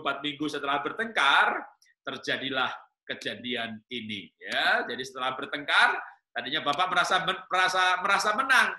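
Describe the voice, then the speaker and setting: A man's voice: a little high, pushed and bright, reverberant. A man preaching a humorous sermon to married couples, teasing the listeners with questions and jokes. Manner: joking, teasing the audience with questions.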